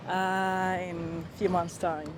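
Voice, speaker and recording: A woman's voice: lowish voice, flat delivery, drawn-out words, background noise. A woman answering hesitantly about favourite places in a street interview. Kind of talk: casual chat.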